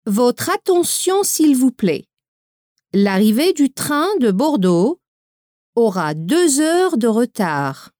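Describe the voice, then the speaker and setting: A station announcer over the loudspeaker. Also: female voice, a little high, big pitch swings, no echo, clean studio sound. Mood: formal. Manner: formal public announcement, clear and measured. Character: calm female train station announcer. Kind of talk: scripted listening-exam recording.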